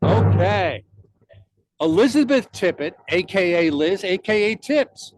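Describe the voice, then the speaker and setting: A high-pitched man speaks at a measured pace as he hosts a podcast, telling a long comic anecdote in a podcast studio. He's an animated storyteller who acts out other people's lines.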